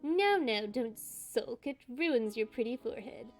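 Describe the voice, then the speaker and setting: A woman's voice: fairly high pitch, expressive, a little slow, faint music behind. A woman voicing a condescending, bitter male antiques appraiser with a smug, patronizing manner.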